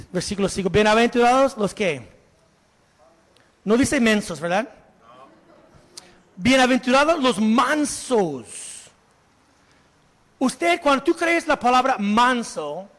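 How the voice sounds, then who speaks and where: A male pastor preaching a sermon, animated, asking the congregation questions and slipping in English words. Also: high-pitched. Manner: slips English words into Spanish. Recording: long hall reverb.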